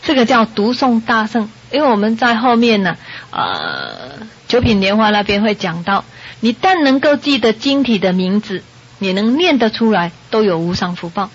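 A woman preaches a Buddhist sermon, telling a story to her listeners and voicing the people in it as she goes. Her voice is husky and a little breathy, at a middling pitch. The recording sounds dull and lo-fi. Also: normal speed. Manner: lively storyteller, acts out the characters' quoted lines. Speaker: Buddhist dharma teacher. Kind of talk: storytelling sermon to a live audience.

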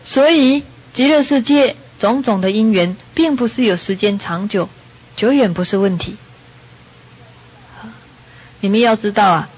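A woman giving a Buddhist sermon to an audience, telling a story in a lively way and acting out the characters' lines. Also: medium pitch, husky. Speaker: Buddhist dharma teacher. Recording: dull lo-fi recording.

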